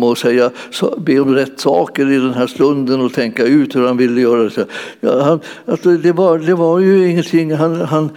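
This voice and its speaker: A man's voice: mid-range voice, a little mellow. A man preaching a sermon in a church hall, in a conversational way that keeps searching for words with many fillers. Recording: long hall reverb.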